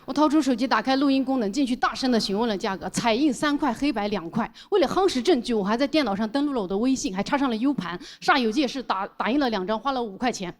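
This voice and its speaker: A woman comedian telling an animated stand-up story and acting out the dialogue. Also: on the high side, fast talker, few pauses.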